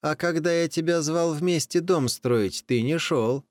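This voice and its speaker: A man's voice: a little high, measured pace, dry recording, clean studio sound, pitched above the performer's own voice, close to an everyday voice. A man voicing a clever, bold tomcat in a folk tale, coaxing the other animals in a raised voice.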